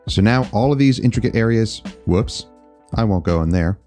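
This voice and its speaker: A man's voice: fairly low pitch, animated, moderate pace, a little mellow, soft background music. A man in his thirties hosting a car detailing channel, explaining tools in an upbeat, demonstrating way. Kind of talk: product demo narration. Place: garage workshop.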